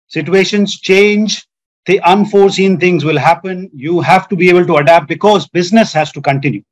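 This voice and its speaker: Man, panel guest, earnest, lists points in order, fairly high voice. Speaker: hotel general manager, panel guest. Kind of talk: panel discussion.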